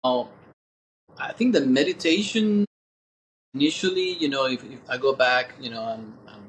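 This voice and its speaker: A man in his sixties talks as an interview guest, thoughtful and unhurried in his reflection. He halts and pauses as he gathers his words, in a middle-pitched voice. A faint hiss sits behind him. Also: a bit bright, low-quality recording. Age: 60s. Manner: thoughtful, halting, many pauses.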